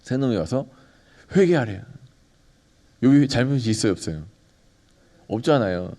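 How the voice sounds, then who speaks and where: A man's voice: mid-range voice, lively intonation, normal speed, warm tone. A man preaching a sermon as pastor, talking conversationally, asking the congregation questions and acting out bits of dialogue.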